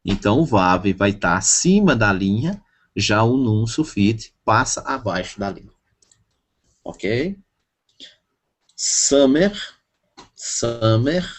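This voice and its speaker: Slow, patient male teacher. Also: fairly low pitch, very animated. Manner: slow, repeats each word to drill pronunciation. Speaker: Hebrew teacher. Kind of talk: classroom lesson.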